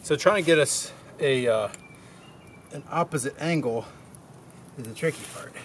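A man's voice: on the high side, normal speed, a little hiss or hum. A man in his thirties narrating casually to the camera as he works on a craft project outdoors in the woods, talking half to himself. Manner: relaxed, talks to himself while crafting. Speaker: bushcraft vlogger. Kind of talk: casual narration while working.

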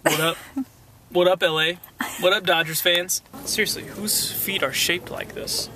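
A woman chatting casually in a family vlog, playful, teasing and excitable. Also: on the low side, unhurried. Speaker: vlogger. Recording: noisy ambient background.

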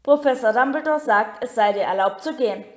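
A woman's voice: a little high, fairly quick, echoey room, lightly acted. A woman reading aloud as a strict school nurse, firm and curt.

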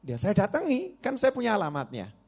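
A man playing a calm, candid repentant robber chief. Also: high-pitched, a little fast, creaky, slightly rough, voice pushed up, heavily acted.

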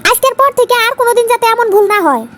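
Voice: animated, racing, a bit bright. A performer voicing a hot-tempered young husband in a cartoon, curt and bossy. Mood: scolding. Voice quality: high squeaky cartoon pitch. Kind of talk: cartoon voice acting.

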